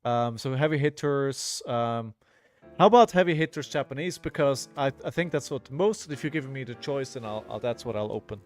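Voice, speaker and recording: A hoarse man on a headset mic, casually commenting on a live card game while he plays, halting and repeating words as he thinks aloud. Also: medium pitch, soft background music. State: hoarse, coughing.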